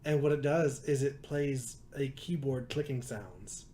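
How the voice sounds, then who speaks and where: A man co-hosting a podcast, telling an animated story in casual chat and laughing often. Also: medium pitch, a little slow, a little hiss or hum. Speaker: podcast co-host.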